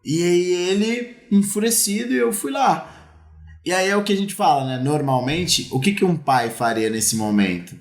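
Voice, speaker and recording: A man's voice: high-pitched, normal speed, echoey room. A man with a Brazilian Portuguese accent, a youth sports coach, telling stories in a casual podcast chat and acting out the dialogue. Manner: animated, acts out dialogue in his stories.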